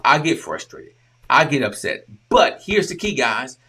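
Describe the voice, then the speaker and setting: A man gives a relationship coaching talk in a bright, forceful voice. He leans hard on his points and keeps repeating rhetorical questions. His pitch sits in the middle of a man's range. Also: big pitch swings, a little slow, vocal fry, slight background noise. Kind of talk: direct-to-camera talk.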